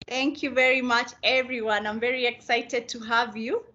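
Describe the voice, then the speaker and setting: A woman's voice: fairly high pitch, fairly even intonation, moderate pace, bright, forceful tone. A woman hosting a video meeting, polite and hesitant, with frequent fillers. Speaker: meeting host. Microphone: video call. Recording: slightly dull video-call audio.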